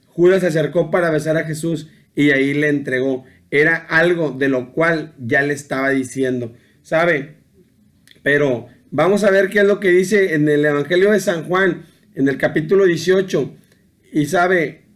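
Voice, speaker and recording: A middle-aged man preaches an informal sermon in a somewhat high voice. He talks loosely, stumbling over words and restarting. He keeps tagging his sentences with a question to the listener. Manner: keeps adding a questioning tag, with hesitant restarts. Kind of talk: informal sermon on a Bible passage.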